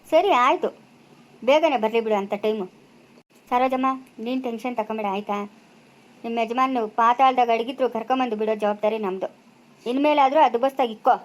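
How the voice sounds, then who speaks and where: A woman plays a stern village brother who lays down the law for his sister in a homemade family drama. The voice is high and quick, with a rural Chikkaballapura Kannada accent. The tone is firm and lecturing throughout. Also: natural voice. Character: stern younger brother ruling the family house.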